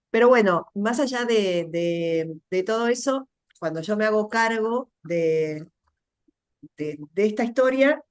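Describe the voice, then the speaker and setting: A middle-aged woman with a Rioplatense Spanish accent, a guest telling her story in a thoughtful interview, often pausing and repeating words as she searches for them. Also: fairly low pitch, a little mellow. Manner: thoughtful, with many fillers and repetitions. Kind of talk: reflective conversational interview.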